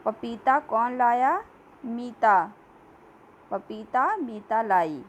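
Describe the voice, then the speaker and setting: Slow, deliberate woman teacher. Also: fairly high pitch, animated, dull audio, slight background noise. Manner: slow, deliberate, repeats words for pupils. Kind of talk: slow classroom lesson reading.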